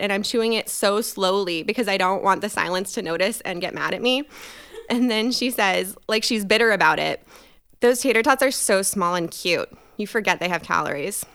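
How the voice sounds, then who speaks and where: A young woman tells a comic first-person story in a bright, crisp voice. She is wry and self-mocking, and she acts out the other people's lines as she quotes them. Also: medium pitch. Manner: animated, acting out quoted voices.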